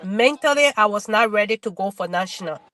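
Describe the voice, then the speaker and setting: Speaking with lively intonation and a medium-pitched, somewhat bright voice, the Liberian bodybuilder shares her story as a middle-aged guest on a casual webinar. She frequently stops and restarts her words, and there is no echo.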